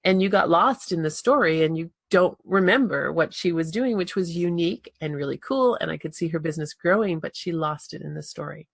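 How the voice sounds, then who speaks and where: A woman's voice: fairly low pitch, brisk, vocal fry, few pauses, slightly rough, no room sound. A woman hosting an interview, explaining marketing advice in a direct, casual way. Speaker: podcast host, marketing coach. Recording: dry close recording.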